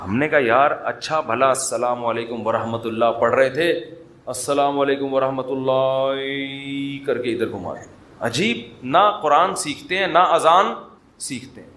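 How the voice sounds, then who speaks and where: A man's voice: medium pitch, lively intonation, sharp tone, reverberant. A man giving a conversational sermon, with humour and imitations of chanted calls. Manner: conversational, humorous, mimics chanting. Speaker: preacher.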